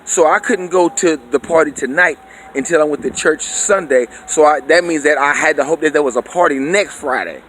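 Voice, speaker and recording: Slightly high-voiced man, preachy talking monologue, faint hiss behind. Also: a little fast, fairly bright tone. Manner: preachy and conversational, keeps asking "you know what I'm saying". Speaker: vlogger. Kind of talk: opinion monologue.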